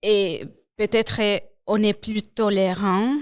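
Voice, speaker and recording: Woman, non-native French speaker, slow and unhurried, searching for words, smooth clear voice, dry close sound. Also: medium pitch, little pitch movement, no echo. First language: not French. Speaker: guest, French-language program coordinator. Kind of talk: casual interview conversation.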